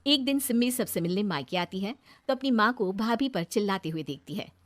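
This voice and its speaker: A woman's voice: mid-range voice, lively intonation, a little fast. A woman reading scripted narration for a moral story as its storyteller.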